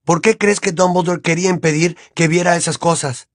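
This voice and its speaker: A man voicing a stubborn, desperate teenage boy wizard who shouts in heated defiance. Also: fairly high pitch, fast talker, dry recording, clean studio sound, voice pushed up, natural voice. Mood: angry, insistent.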